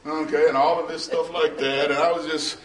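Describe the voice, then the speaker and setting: A middle-aged male pastor preaching a sermon in a small church. He preaches slowly and builds to shouting, half-sung peaks. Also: fairly high pitch, level tone. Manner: slow, preachy, rises to shouting and half-singing. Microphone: far camera, no mic seen. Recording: roomy church echo from far off.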